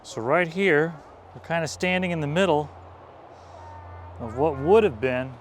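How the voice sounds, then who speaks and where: A man's voice: fairly high pitch, unhurried. Man, vlog guide, casual explainer, outdoor trail recording, faint traffic noise. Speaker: vlog host and explorer guide.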